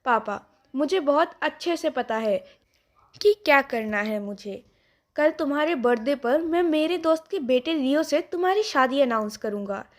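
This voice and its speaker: A woman's voice: sits high, lively intonation, moderate pace. A woman voicing a stern, controlling rich father who scolds his daughter. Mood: angry. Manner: scolding, commanding.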